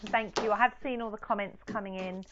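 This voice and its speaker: A woman's voice: medium pitch, fairly even intonation, brisk. Chatty woman crafting, giggly and exclamatory, muffled lo-fi sound, audible background noise. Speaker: crafting show co-host. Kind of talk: casual chat while crafting. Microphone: video call.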